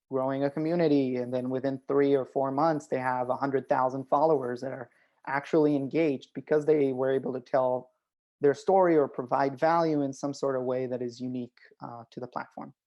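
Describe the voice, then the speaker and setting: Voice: medium pitch, fairly even intonation, moderate pace, dark tone, muffled recording. A guest speaking in a casual webinar discussion over a video call, hesitant with many ums and uhs.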